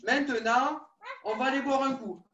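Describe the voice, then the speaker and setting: A woman with a high voice leads a children's judo class, coaxing and lively as she repeats every instruction. She sounds echoey and far from the mic, as if filmed across a room. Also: normal speed, lo-fi sound. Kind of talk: live online kids' class, story-led exercises.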